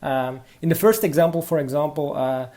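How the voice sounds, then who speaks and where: Delivering a prepared talk at a conference, this young man has a Belgian accent and a mellow, warm tone, with a pitch a bit high for a male voice. His explanations proceed step by step, punctuated by frequent "uh" pauses.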